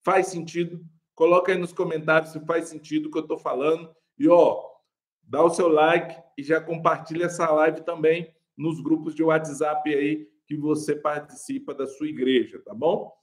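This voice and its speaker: A young Brazilian pastor teaches a live online preaching class, speaking Portuguese-accented and full of animation. He laughs a lot, calls his viewers "gente", and talks at a moderate pace in a voice on the high side.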